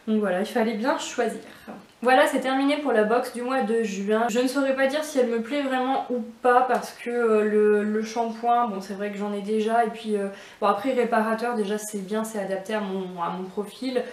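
A woman's voice: fairly high pitch, fairly even intonation, normal speed, a little mellow, echoey room, distant mic. A woman chatting casually through a beauty box unboxing, hesitant and full of fillers, in a home setting. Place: indoors at home.

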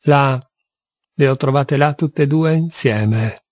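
A man reading an audiobook, voicing a gentle, earnest young man who speaks calmly and quietly. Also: mid-range voice, slow, no echo, studio quality, natural voice.

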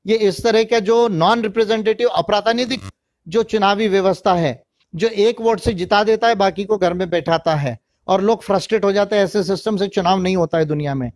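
A man speaks in a fairly high register, explaining his point in a steady lecture style. He slips English phrases into his talk and reads long lists out one by one. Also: a little fast. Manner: mixes English phrases into Hindi. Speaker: speaker on electoral reform.

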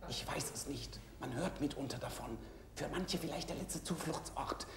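A man playing a resigned, deferential attendant to a faded diva in a stage drama, formal and measured. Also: a little high, noisy background, close to an everyday voice. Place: large dark theatre stage. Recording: echoey theatre with audience sounds.

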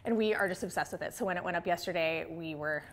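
This American woman in her thirties, an interior designer, talks quickly in a fairly low voice. She's giving a casual, enthusiastic tour of a large open-plan home with hard floors, speaking conversationally into a clip-on lapel mic.

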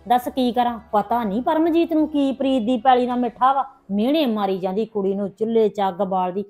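A woman's voice: fairly high pitch, brisk, darkish tone, faint music behind, close to an everyday voice. A woman playing an anxious pleading middle-aged mother. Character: worried woman visiting her sister-in-law to plead. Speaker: character in a family drama vlog. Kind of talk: hobby village family drama.

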